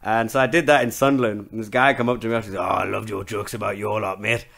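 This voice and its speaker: A man's voice: fairly low pitch, fast, creaky. A man with a Geordie accent, a comedian guest on a podcast, chatting casually and acting out quotes as he tells stories. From Newcastle, England. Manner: storytelling, animated, acts out quotes.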